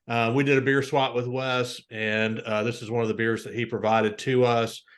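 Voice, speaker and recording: A man's voice: medium pitch, normal speed. Male host, mid-range voice, laid-back beer-show patter. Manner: relaxed, easygoing, frequent "uh" fillers. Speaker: podcast host. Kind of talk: casual beer review chat.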